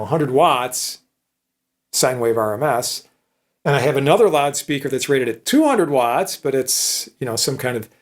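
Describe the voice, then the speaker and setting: A man with a fairly high-pitched voice, an electronics professor, gives an informal technical lecture. He explains conversationally and keeps checking understanding with short tag questions.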